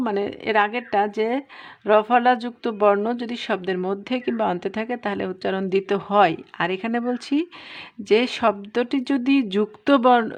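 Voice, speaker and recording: A woman teaching a pronunciation lesson, explaining rules step by step and drawing out each example word slowly. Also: medium pitch. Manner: patient, explains step by step, drawn-out example words. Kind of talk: spoken lesson.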